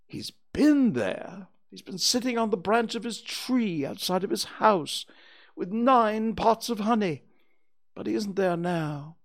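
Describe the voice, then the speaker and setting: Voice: mid-range voice, expressive, slow, pitched above the performer's own voice. A storybook reader voicing a pompous, long-winded owl with hesitant, wordy delivery. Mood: matter-of-fact. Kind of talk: children's storybook character reading.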